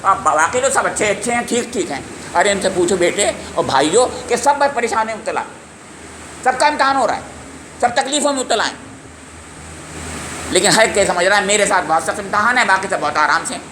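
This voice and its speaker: A man's voice: high-pitched, lively intonation, reverberant, noisy background. A man giving a religious lecture on scripture, emphatic and often putting questions straight to his listeners. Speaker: Quran lecturer.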